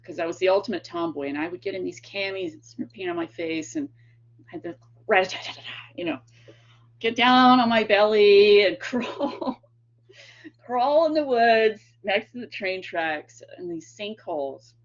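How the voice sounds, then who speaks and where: A woman from East Tennessee, guest lecturer and author, speaks at medium pitch and moderate pace in her regional accent. Her storytelling lecture wanders through chatty anecdotes thick with fillers and laughter, and the capture is dull and lo-fi.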